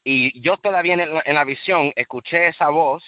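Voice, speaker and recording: A man's voice: fairly quick, no echo, dull audio. Earnest man telling a faith testimony. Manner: earnest, repeats words, voice rises high when reliving shouts. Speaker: guest sharing a faith testimony. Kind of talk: emotional personal testimony.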